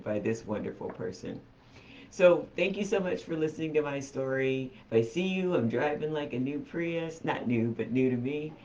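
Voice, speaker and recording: A woman telling a story on her vlog in a chatty, animated way, talking straight to her viewers. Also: a bass voice, dull audio, slight background noise. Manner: chatty, animated retelling, addresses viewers directly. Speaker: vlogger.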